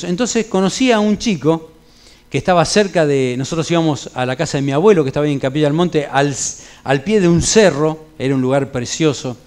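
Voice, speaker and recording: A man's voice: a little high, darkish tone, smooth. A middle-aged man with a Rioplatense accent, a pastor leading an evening church Bible study, preaching in a conversational way with homely anecdotes and colloquial asides. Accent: Rioplatense Spanish. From Argentina.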